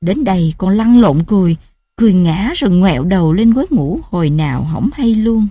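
A woman's voice: mid-range voice, lively intonation, brisk, no echo, clean studio sound. A woman, tenderly telling stories as a mother. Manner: tender, gently affectionate storytelling. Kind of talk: storytelling narration.

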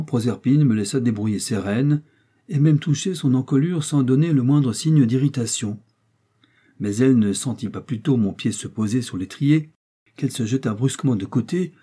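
A man reading a classic novel aloud in the first person, measured and literary. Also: medium pitch, warm tone, slightly rough. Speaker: audiobook narrator. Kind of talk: first-person scripted narration.

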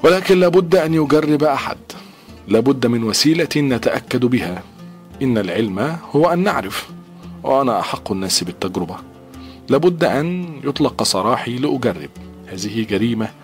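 A man's voice: on the low side, expressive, fast talker, faint music behind, close to an everyday voice. A man voicing a desperate jailed scientist. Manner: pleading, agitated outbursts. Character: imprisoned male scientist, desperate and defiant.

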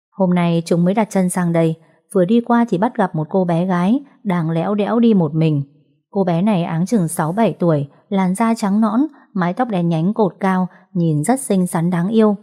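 A woman storyteller reading a story aloud in a calm, even, scripted way. Her voice is mellow and darkly warm, with a middle pitch. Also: moderate pace.

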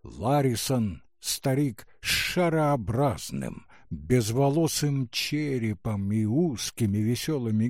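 Male audiobook narrator, measured and expressive, lively pitch, dry close sound. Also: no echo. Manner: unhurried, expressive storytelling. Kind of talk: scripted narration.

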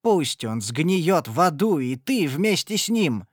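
A man's voice: on the high side, expressive, a little slow, a bit bright, no echo, studio quality, voice pushed up. A man voicing a defiant young peasant woman who answers her father sullenly.

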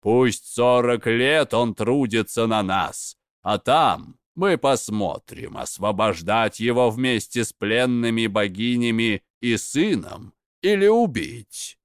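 A man's voice: mid-range voice, lively intonation, smooth, no room sound, studio quality. A man doing a cold scheming giant chief. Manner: measured commanding plotting.

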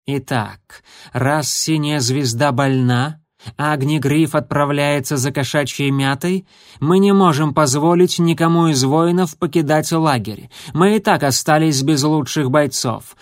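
Man playing a grumpy old she-cat healer, slow stern scolding, raised pitch, dry close storybook sound. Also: no room sound, lightly acted.

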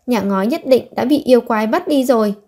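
A humble older man, worn down by grief, speaks slowly and plainly, as a woman narrator puts him on. The voice stays mellow and fairly high. He is a figure in an audiobook story. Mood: earnest. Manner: slow and humble. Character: simple-hearted older man, grieving and humble.

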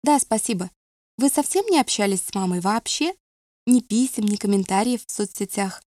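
A woman's voice: medium pitch, lively intonation, normal speed, darkish tone, dry recording, clean studio sound, close to an everyday voice. A woman reading the questions of a curious young woman in an audiobook. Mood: probing.

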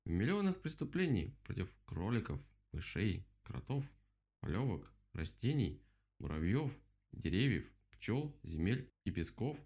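A man's voice: lowish voice, big pitch swings, measured pace, gravelly, darkish tone, highs cut off, heavily acted. A man voicing a self-important male rabbit who makes grand, theatrical accusations. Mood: pompous.

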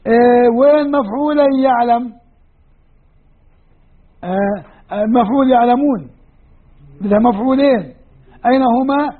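A man with a Levantine Arabic accent teaching a classroom lecture on Quranic grammar, explaining step by step and posing questions to his students. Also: extremely high pitch. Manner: explanatory, poses questions to students and answers them. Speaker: Islamic studies teacher. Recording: tinny lo-fi phone-like recording.

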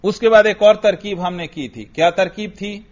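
A man teaching Arabic grammar in a lecture, quizzing students with quick questions and having them repeat answers. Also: high-pitched. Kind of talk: classroom lecture with drilling questions. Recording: dull lo-fi lecture recording.

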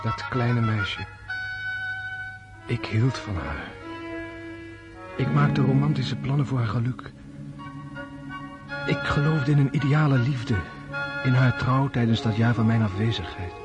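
An actor playing a melancholy prince and officer, speaking a grave, deliberate, introspective monologue in a radio drama. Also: male voice, mid-range voice, natural voice. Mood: brooding, sorrowful. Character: melancholy Russian prince and officer brooding before battle. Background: orchestral string music.

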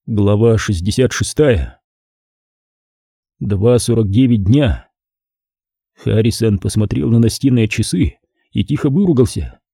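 A man reads an audiobook with a dark, husky voice, his pitch rising and falling a lot. The sound is dry and close, with no room around it. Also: a little slow, long pauses, no echo. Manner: lively, expressive reading. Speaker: audiobook narrator. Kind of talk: scripted narration.

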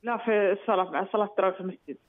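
Phone caller, female, rapid, halting explanation, thin phone-line sound. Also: medium pitch, fairly even intonation, dry recording. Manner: hesitant, restarts often while explaining. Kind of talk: phone call to a radio show.

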